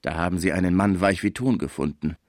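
Man reading a calm, agreeable magistrate. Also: sits low, brisk, no echo, clean studio sound. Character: compliant male justice of the peace, comradely.

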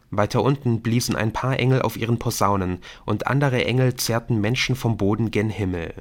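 A man reading an audiobook in calm, measured narration. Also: lowish voice. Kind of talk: scripted narration.

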